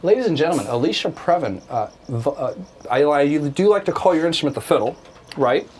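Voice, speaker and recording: A man hosting a casual guitar show, explaining music theory in an excitable, joking, rambling way. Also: a little high, fairly quick, a little hiss or hum. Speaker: host. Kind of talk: casual chat and guitar lesson.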